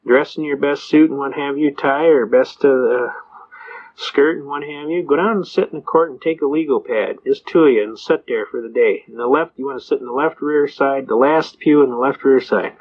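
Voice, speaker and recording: A man's voice: medium pitch, normal speed, lo-fi sound. An older man and Vietnam veteran talking in a rambling, folksy storytelling way, with plenty of "uh" fillers. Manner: folksy, anecdotal, acts out quoted voices. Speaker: speaker giving advice on citizens' rights.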